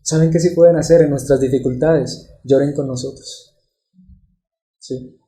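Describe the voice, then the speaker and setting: A man preaching an expository sermon to his congregation, earnest and personal, often pausing with rhetorical questions. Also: medium pitch, fairly even intonation, warm tone, echoey room. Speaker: pastor. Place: church.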